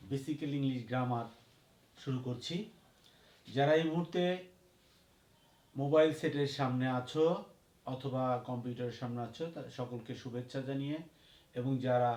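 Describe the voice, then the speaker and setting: A man teaching a grammar lesson at a board. He talks slowly, repeats each point and spells words out letter by letter. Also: mid-range voice, a little mellow, reverberant. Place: classroom.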